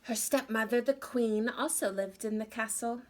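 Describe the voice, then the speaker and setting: A woman with a voice on the high side reads a children's story aloud at a moderate pace, expressively, as though to young listeners, asking them questions along the way.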